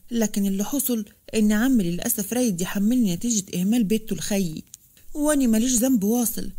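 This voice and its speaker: A woman's voice: on the high side, dark tone, lightly acted. A woman voicing a devoted young Upper Egyptian wife. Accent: Upper Egyptian Arabic. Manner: anxious questioning.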